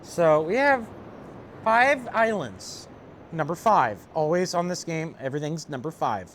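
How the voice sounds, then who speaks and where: Higher-voiced man streaming a game. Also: lively intonation, unhurried, a little hiss or hum. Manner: rambling, filler-heavy, chatting with viewers. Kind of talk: casual let's-play commentary.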